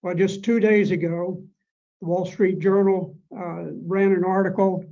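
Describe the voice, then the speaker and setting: A man delivering a measured, dramatic prepared speech as a conference speaker. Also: high voice, little pitch movement. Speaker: panel speaker. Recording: dull lo-fi sound.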